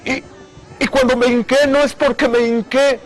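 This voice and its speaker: High-voiced man giving an earnest testimony. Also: little pitch movement, normal speed. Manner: earnest, repeats words for emphasis. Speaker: speaker giving a religious testimony. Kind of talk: emotional personal testimony.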